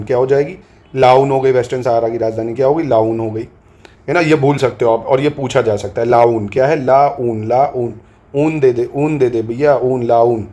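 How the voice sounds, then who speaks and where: A man with a Hindi accent from Uttar Pradesh teaching an exam-prep geography class. He asks his students a question, answers it himself, then says the answer again as a drill. Now and then he slows down and spells a word out letter by letter. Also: medium pitch, warm tone. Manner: repeats answers in a call-and-response drill.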